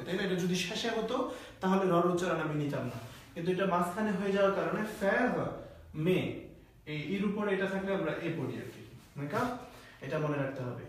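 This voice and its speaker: A man's voice: high voice, heavy reverb, far from the mic, slight background noise. A man teaching French in a live online class, explaining pronunciation step by step and often saying "voilà".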